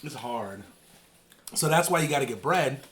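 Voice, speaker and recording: A man with a medium-pitched voice chats to viewers in a casual mukbang style. He talks through mouthfuls, chewing as he goes, in loose informal phrases that he often repeats for emphasis. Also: expressive, moderate pace, a bit bright, a little hiss or hum. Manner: talks while eating, with chewing and savouring murmurs. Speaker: vlog co-host.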